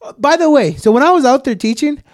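A young man co-hosting a podcast, telling stories in a loose, profane, animated way with plenty of fillers. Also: very high-pitched, fast talker, dry recording, clean studio sound. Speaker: podcast co-host. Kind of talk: casual storytelling chat.

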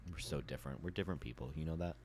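A young man co-hosting a casual podcast with a dry, joking manner, often trailing off low and quiet. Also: very fast, over a noisy crowd. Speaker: podcast co-host.

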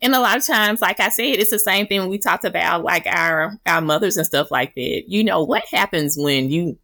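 A woman guest on a podcast in casual chat, reflective and laughing softly between thoughts. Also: fairly low pitch, normal speed, dry recording, clean studio sound. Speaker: podcast guest, author and speaker.

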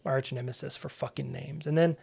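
A man's voice: medium pitch, fairly even intonation, brisk, gravelly, a little mellow, husky. A man hosting a podcast who recaps a video game in casual chat, sarcastic and rambling, with plenty of swearing. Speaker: podcast host.

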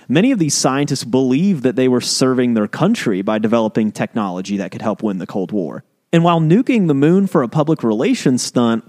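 Male podcast co-host, middle pitch, casual storyteller who punches his key points. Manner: storytelling, animated emphasis. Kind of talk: casual explainer chat.

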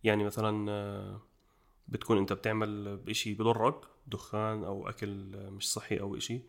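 Jordanian guy hosting a podcast, rapid emphatic talk, lowish voice. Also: monotone, creaky. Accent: Jordanian Arabic. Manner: quick, emphatic, gets loud when making a point. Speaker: podcast host. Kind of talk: casual chat.

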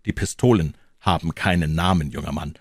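Gruff old captain, voiced by a man: deep, subdued, grave warnings, dry read. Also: fairly quick, no room sound. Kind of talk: audiobook character voice.

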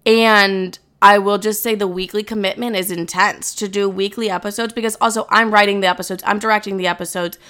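A woman's voice: medium pitch, steady tone, fairly quick, hardly any pauses, fairly bright tone, clean tone. A young adult woman hosting her own podcast, talking candidly and bluntly to listeners with frequent swearing. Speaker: podcast host. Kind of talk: casual chat to listeners.

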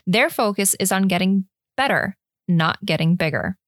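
A woman's voice: medium pitch, expressive, normal speed, no echo, studio quality. A woman hosting a podcast in an informal, self-deprecating way, moving between chat and reading from notes. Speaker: podcast host. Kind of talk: casual podcast talk about beer, partly read from notes.

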